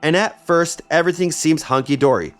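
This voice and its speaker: A man's voice: on the high side, a little fast, fairly bright tone, faint music behind. A man hosting a history podcast, narrating a script with wry, conversational asides. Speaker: podcast host.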